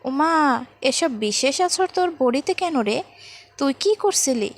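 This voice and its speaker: A woman's voice: high voice, moderate pace, close to an everyday voice. A woman voicing a playful, cheeky young man who mocks his friend in a storybook reading. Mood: teasing. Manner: mocking, teasing banter.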